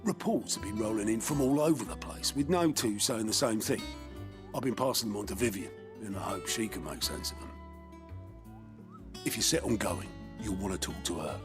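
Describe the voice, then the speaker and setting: Game steward played by a man, colloquial, businesslike briefing, loud musical backing. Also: lowish voice, lively intonation, moderate pace, natural voice. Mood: matter-of-fact. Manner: matter-of-fact, colloquial. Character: plain-spoken male steward briefing his leader. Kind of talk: video game voice acting. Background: game music with plucked guitar.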